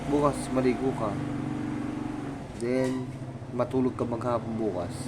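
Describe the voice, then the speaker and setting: A man vlogging outdoors, coaxing his pet dog in a slow, sing-song baby-talk voice. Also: mid-range voice, steady tone, very noisy.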